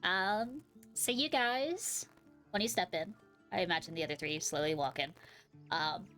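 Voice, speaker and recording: Woman GM, lowish voice, meandering scene descriptions, frequent ums. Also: a bit bright, faint music behind. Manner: rambling, full of "like" and "um", unhurried. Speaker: game master. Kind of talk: narrating a tabletop game.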